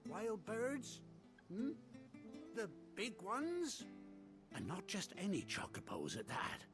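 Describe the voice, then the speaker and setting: An actor playing a chatty, excitable rustic villager in a video game, talking in a folksy, colloquial way. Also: male voice, high-pitched, slow, full character voice. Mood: excited. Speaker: game character. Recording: game audio with loud music. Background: game music.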